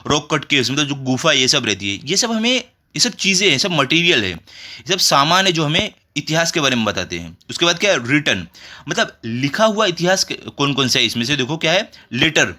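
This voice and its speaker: With an Indian accent, a tutor walks children through a school lesson, reading the textbook and translating in an instructive manner. His voice is a bit high, sing-song, sharp and a little fast, and he keeps tossing in rhetorical questions and check phrases.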